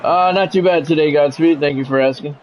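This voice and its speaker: A middle-aged American man livestreams a football video game, doing play-by-play that blends polished, clipped announcer-style calls with casual chat to his viewers. His voice is fairly high and his delivery brisk. The recording sounds rough.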